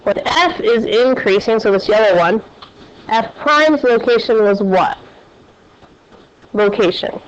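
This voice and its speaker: A woman's voice: a little high, expressive, takes it slowly, pauses often, a little hiss or hum. A woman math teacher lecturing a class and quizzing her students with questions as she goes. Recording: dull, lo-fi classroom recording.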